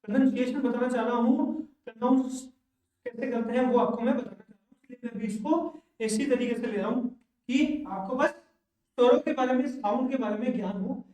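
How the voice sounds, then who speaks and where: A man teaching English pronunciation in a classroom lesson, slowly repeating each word twice for learners to echo. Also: extremely high pitch, dark tone. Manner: says each word twice, slow drilling. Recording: very echoey room, voice from far off.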